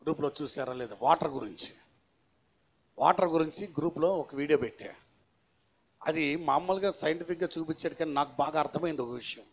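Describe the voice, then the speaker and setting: Speaking a little fast, a pastor preaches a sermon, quizzing his congregation with questions. He swings between raised, declaiming passages and low, conversational asides.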